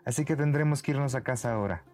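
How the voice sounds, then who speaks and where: A man's voice: medium pitch, very fast, darkish tone, soft background music, pitched above the performer's own voice, lightly acted. A man voicing a clever, sly young peasant woman in a bedtime story, speaking sweetly and teasingly. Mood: confiding. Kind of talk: storybook character voice.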